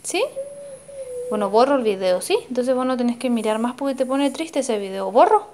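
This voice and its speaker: A high-pitched female voice with an Argentine accent talks in a tender, reassuring way, like a mother calming a small child. The exchange is casual and homely, recorded on a handheld phone with faint background noise. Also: moderate pace. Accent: Argentine Spanish. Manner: soothing, tender, uses endearments. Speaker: mother comforting her young child. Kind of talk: casual home conversation. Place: indoors in a home room. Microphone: handheld phone, close by. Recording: noisy handheld phone video.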